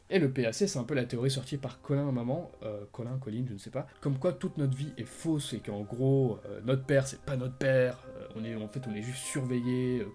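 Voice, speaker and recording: A man retelling the endings of an interactive film in a casual, animated way, full of fillers and sound words like "bam". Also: mid-range voice. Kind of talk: casual explainer narration.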